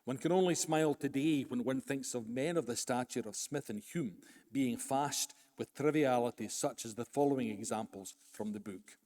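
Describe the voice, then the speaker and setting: A man giving a formal live lecture, reading a prepared text in a measured way with the odd dry aside. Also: mid-range voice, warm tone. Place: lecture hall, recorded live. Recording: long reverb of a lecture hall.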